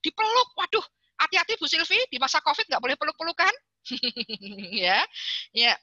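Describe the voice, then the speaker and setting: A woman's voice: sits high, sing-song, moderate pace, sharp tone, no room sound, lo-fi sound. A woman giving a chatty, playful webinar talk to parents, often calling out to her audience. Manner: chatty and playful, addresses the audience often and reads out chat answers.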